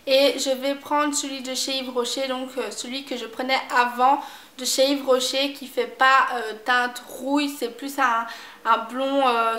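A woman chatting casually about makeup she has used up, repeating herself and filling pauses often. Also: high voice, a bit bright, echoey room. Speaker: beauty vlogger. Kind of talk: casual product review chat.

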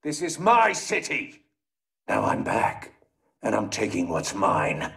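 An actor playing an arrogant older crime villain in a video game, gravelly, theatrical, taunting and condescending. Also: male voice, lowish voice, wildly swooping pitch, takes it slowly, fairly bright tone, exaggerated voice. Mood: indignant, menacing.

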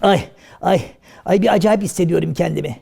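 A man voicing Karagöz, a cheeky, clumsy comic figure in a children's shadow puppet play, chattering excitably and crying out "ay". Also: high voice, fairly quick, gravelly, heavily acted. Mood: panicked. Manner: excitable and chatty, with lots of cries of "ay".

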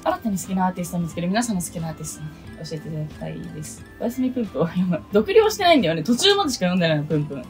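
A young woman in her twenties from Okinawa, chatting casually through a list of goals in a solo vlog, with a low voice and self-deprecating asides. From Okinawa, Japan. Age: 20s. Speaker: idol producer and vlogger.

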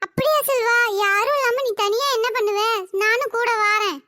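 A woman's voice: very high-pitched, moderate pace, bright, forceful tone, dry recording, clean studio sound. A woman voicing a greedy, scheming sister-in-law in a cartoon, talking in a fussy, fretful way. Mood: plaintive. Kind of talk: cartoon voice acting.

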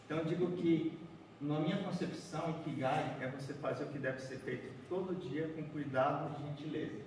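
A man in his forties from Bahia, Brazil, gives a chatty origami workshop to a seated group in a large conference room, walking and folding paper while constantly asking "né?" and "certo?" to check in. His voice is fairly high, brisk and a little mellow. A distant room camera with no visible mic captures him in an echoey hall, with slight background noise.

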